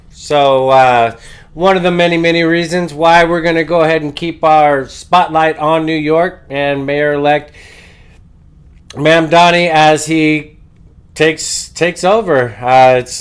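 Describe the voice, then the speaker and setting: A man hosting a political show, giving opinionated news commentary while congested with a head cold, halting often with drawn-out uhs. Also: fairly high pitch, smooth.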